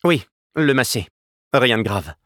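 A man reading a novel aloud and voicing a calm young man who speaks wryly. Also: mid-range voice, a little slow, no room sound, clean studio sound, voice pushed up. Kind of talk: audiobook character voice.

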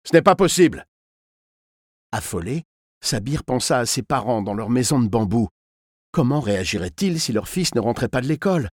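A man narrating a dark story with expressive, tense delivery. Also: mid-range voice, brisk, no room sound, clean studio sound. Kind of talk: dramatic audiobook narration.

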